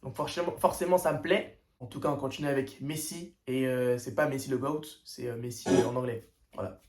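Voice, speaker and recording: A man's voice: medium pitch, steady tone, brisk, darkish tone. A young man hosting a casual first-listen music reaction, talking in loose slang with lots of hesitations and filler. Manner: slangy, hesitant, full of "tu vois" and "euh". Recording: echoey room.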